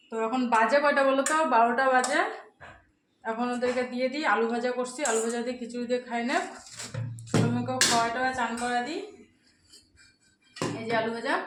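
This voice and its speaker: A woman's voice: fairly high pitch, slight background noise. A woman in her thirties with a colloquial North Bengal Bengali accent, chatting to viewers about cooking and housework at home. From North Bengal, India. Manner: chatty, talks to viewers directly; speaks softly at times so a sleeping child stays asleep. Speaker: home vlogger, mother. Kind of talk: casual narration of chores. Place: home kitchen and rooms, indoors.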